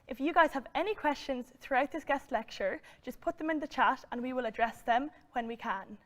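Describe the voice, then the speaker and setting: A young woman in her twenties introducing a guest lecture as host, in a polite, clearly announced delivery. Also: high-pitched, a little fast. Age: 20s. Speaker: event host. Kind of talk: scripted introduction. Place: bright room with plants and windows.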